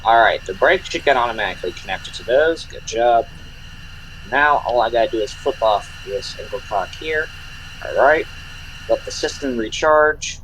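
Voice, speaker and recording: A man's voice: mid-range voice, a bit bright, a little hiss or hum, poor audio. A man with a Southern US accent talking casually while he plays a train game, thinking aloud as he works through each step. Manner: thinking aloud, narrating his own moves. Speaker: streamer running a freight train. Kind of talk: casual gameplay chat.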